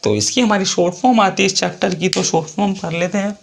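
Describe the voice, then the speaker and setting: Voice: medium pitch, fast talker, creaky. A shorthand teacher with an Indian accent explaining a lesson step by step, repeating each example and spelling words out letter by letter.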